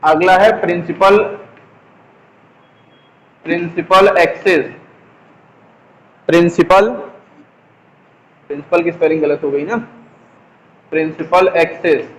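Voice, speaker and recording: A male teacher giving a classroom lesson, speaking slowly, repeating key terms and asking the class questions. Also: on the high side, fairly even intonation, slight background noise. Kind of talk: classroom lesson, explaining while writing on a board. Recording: long echoing reverb.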